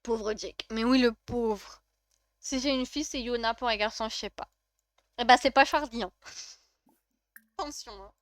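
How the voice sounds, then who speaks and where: A woman's voice: fairly high pitch, moderate pace, long pauses, no echo, clean studio sound. A young woman with a French accent streaming a life-sim game, chatting casually and gushing as she reacts to her chat. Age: young adult.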